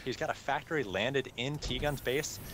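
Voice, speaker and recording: A man's voice: medium pitch, normal speed. Chill guy casting a strategy game, lots of uhs, noisy hissy mic, laid back. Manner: relaxed, chuckling, thinks aloud with many fillers. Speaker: esports caster. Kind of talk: live game commentary.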